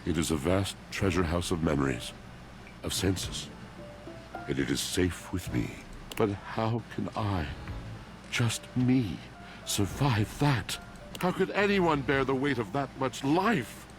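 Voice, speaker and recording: A man's voice: expressive, takes it slowly, over music. A man voicing a brooding, melancholy washing machine in a dating sim game, with a villainous voice and a grandiloquent, poetic monologue delivery. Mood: anguished, poetic. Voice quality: deep, villainous voice. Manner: theatrical, grandiloquent dramatic monologue.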